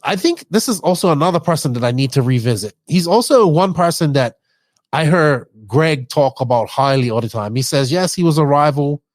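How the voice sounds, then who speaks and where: A man's voice: fairly high pitch, animated, a little fast, dry recording. A man with a toned-down Bermudian accent, talking informally and at length as a podcast host. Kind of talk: casual podcast talk.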